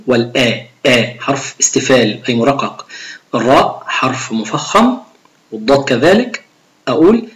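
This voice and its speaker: A middle-aged male teacher gives a recorded video lesson on Quran recitation to young pupils. He works through the rules step by step and demonstrates how each sound should be pronounced. He talks straight to the pupils and encourages them to follow along. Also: medium pitch. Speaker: religion teacher.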